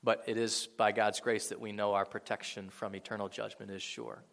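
A man's voice: fairly low pitch, level tone, normal speed, creaky, fairly bright tone. A man preaching a sermon to a congregation in a church, earnest and swelling to emphatic peaks. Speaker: pastor. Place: church sanctuary before a congregation. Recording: long reverb of a large hall.

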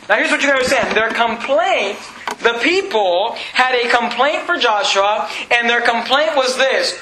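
A pastor delivers an earnest sermon, often stammering over repeated words as he puts questions to his congregation. His voice sits very high and sounds bright and forceful. The recording rings with the echo of a church hall. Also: slight background noise.

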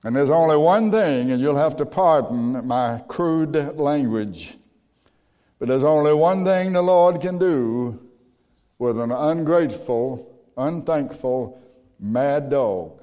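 Male preacher; sermon delivery, loud acted quotes, soft low asides; long hall reverb. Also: animated, takes it slowly. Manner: swings from loud calls to low quiet asides, acts out quotes.

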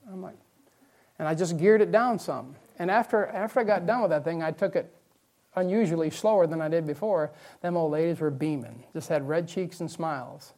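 A male pastor preaching a sermon, emphatic and repeating his key phrases, dropping into quiet asides between loud declarations. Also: a little high.

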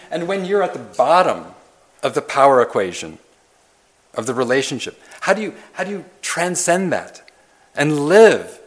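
Delivering an expository sermon, this male pastor shifts from quiet, low-voiced asides to loud bursts of emphasis. He leans on repeated phrases and rhetorical questions throughout.

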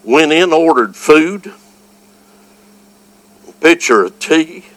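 Preaching at a revival with fervent evangelical zeal, this Southern US man swings between hushed stories and shouts in a folksy, exclamatory style. His voice sits on the high side, expressive and slow-paced, captured in a dry, rough recording.

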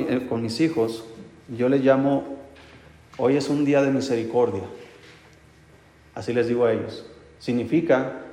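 A male pastor delivers a sermon at a middle pitch, calling his listeners brothers and asking rhetorical questions that he answers himself. His voice rings through a roomy hall with a long, trailing reverb. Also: darkish tone. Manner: addresses listeners as brothers, light humor.

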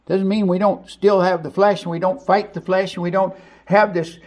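Male pastor, sermon, high voice, emphatic, conversational. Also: fairly even intonation, normal speed. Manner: emphatic and conversational, with sudden loud stresses.

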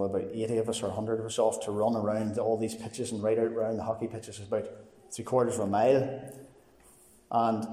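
A man in his forties with a Northern Irish accent, giving a personal testimony in a plain, earnest, halting way. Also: medium pitch, dark tone. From Northern Ireland. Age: 40s. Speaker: testifying church member. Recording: echoey hall with long reverb.

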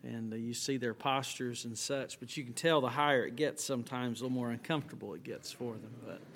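An easygoing man leads a college chapel service, talking loosely and filling pauses as he calls people forward. His voice sits at an ordinary middle pitch. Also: slight background noise. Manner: relaxed, easygoing, with frequent fillers. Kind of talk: casual announcements at a service.

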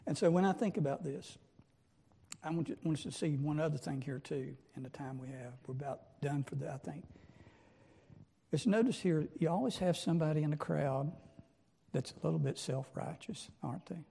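A man's voice: on the high side, normal speed, gravelly, mellow, husky. A man preaching a sermon, emphatic and full of rhetorical questions. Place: church sanctuary. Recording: long church reverb.

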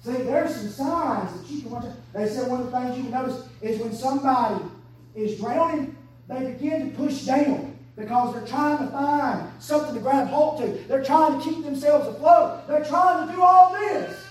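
A woman, preaching an impassioned sermon that swings between hushed and shouted. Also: high voice, normal speed. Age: 30s. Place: church sanctuary. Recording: echoey church from far off.

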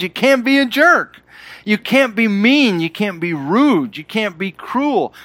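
Middle-aged guy preaching, bouncy voice that jumps up high for emphasis, dry close sound. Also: pushed and bright, dry recording. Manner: conversational preaching with sudden emphatic rises. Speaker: pastor. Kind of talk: sermon.

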